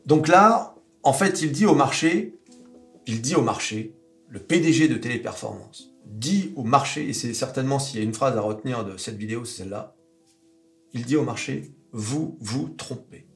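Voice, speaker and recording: A man's voice: medium pitch, lively intonation, normal speed, reverberant, faint music behind. A man hosting off-the-cuff financial commentary, emphatic and insistent, repeating key phrases. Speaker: host commenting on financial news clips.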